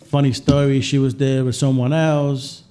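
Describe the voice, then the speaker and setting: On a podcast, a guest chef from Puerto Rico shares personal anecdotes in an informal, casual manner, repeating his phrases often. He speaks at a moderate pace in a dark, level, mid-range voice.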